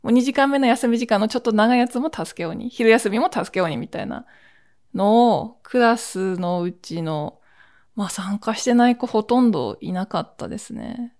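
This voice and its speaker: A woman's voice: on the high side, expressive, a little mellow. Podcast host in her 40s, from Akita: a woman with a chatty, meandering solo storytelling style. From Akita, Japan. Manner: chatty, drawn-out storytelling with laughs and asides.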